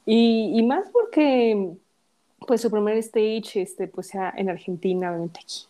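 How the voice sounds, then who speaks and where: Young woman, casual fan chat, giggly and gushing, mellow warm tone. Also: mid-range voice, lively intonation, unhurried.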